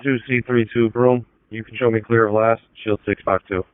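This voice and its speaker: A man's voice: mid-range voice, level tone, normal speed, clear, resonant tone, dry recording. A man calling in to dispatch over a two-way radio in terse police radio style. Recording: narrowband police scanner radio, faint static.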